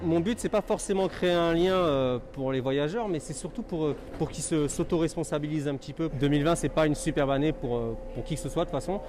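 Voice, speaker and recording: A man in his thirties, a metro driver giving a casual interview in halting, colloquial phrases. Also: fairly high pitch, music in the background. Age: 30s. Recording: loud urban transit noise behind.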